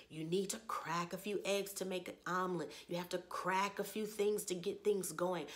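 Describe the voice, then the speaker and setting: A woman hosting a casual TV recap, chatty and upbeat, her voice worn from having lost it. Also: medium pitch. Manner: chatty, upbeat, talks straight to viewers. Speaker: TV recap host.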